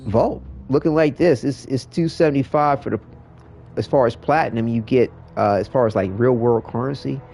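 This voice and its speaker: A man's voice: medium pitch, moderate pace, gravelly, darkish tone, soft background music. A man giving casual gaming commentary in a rambling, slangy way, often repeating his words. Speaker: streamer showing a game to a viewer.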